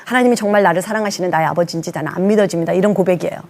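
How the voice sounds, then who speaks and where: A woman's voice: lowish voice, very fast, a little hiss or hum. A Korean woman pastor in her sixties giving an earnest, emphatic testimony sermon, acting out the lines she quotes.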